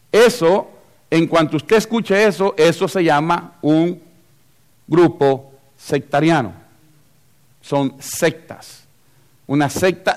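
A man preaching a sermon, emphatic, repeating key phrases and swinging between loud declarations and hushed asides. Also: fairly high pitch.

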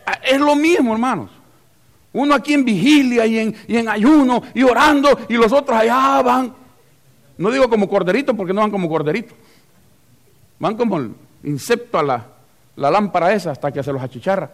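A man preaching a lively sermon in church as pastor, acting out little scenes and asking the congregation questions. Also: sits high, moderate pace. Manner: animated, acts out scenes and voices, asks the congregation questions.

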